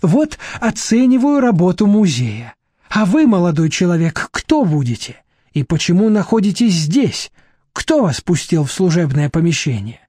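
A man reading an audiobook, voicing a brisk, sharp-tongued middle-aged woman who speaks bossily and with irony. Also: sits high, very animated, husky, no echo, studio quality, heavily acted. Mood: sardonic. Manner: brisk, sardonic, bossy.

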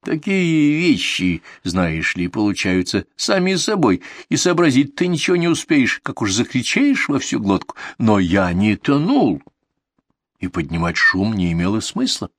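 A man voicing a gloomy, dignified donkey in an audiobook reading, talking glumly, slowly and deliberately. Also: on the low side, big pitch swings, no echo, studio quality, exaggerated voice. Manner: glum, slow, deliberate.

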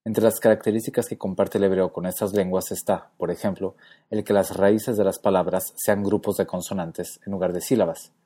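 A man giving a scripted educational narration about a language, measured and explanatory, slowing down to spell out example words. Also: deep voice, fairly even intonation, warm tone, slightly rough. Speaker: language lecturer.

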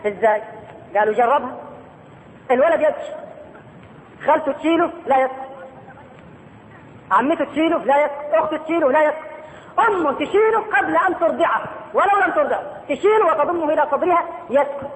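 A middle-aged Egyptian man delivers a sermon in a strikingly high voice, often pausing to question his listeners. His words carry a long reverb, as if he is in a large hall. A faint hum of ambience sits behind him. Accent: Egyptian Arabic. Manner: animated, questioning the audience, dramatic slowdowns. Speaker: preacher.

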